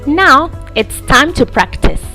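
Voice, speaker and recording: A woman narrating a scripted lesson, giving slow, deliberate instructions and reading word lists. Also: high voice, very animated, sharp tone, soft background music.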